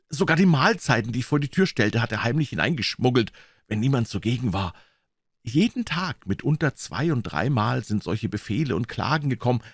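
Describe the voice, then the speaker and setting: A man's voice: mid-range voice, no echo, clean studio sound, voice pushed up. A man voicing an old, loyal male servant who speaks in an urgent, pleading way in a storybook reading.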